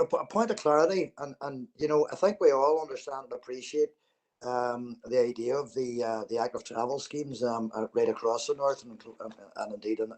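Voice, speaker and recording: A man's voice: mid-range voice, darkish tone, poor audio. A man, a councillor asking a question over a remote call from an iPad, with many hesitations and fillers. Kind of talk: formal meeting question.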